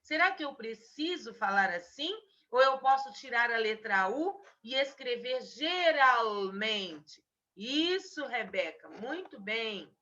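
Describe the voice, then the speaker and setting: A woman teacher giving a remote spelling lesson to children on a video call, slowly stretching out each word she dictates. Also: a little high, big pitch swings, pushed and bright. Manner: patient, drawn-out dictation of single words. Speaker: primary school teacher. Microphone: video call mic. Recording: dull lo-fi video call audio.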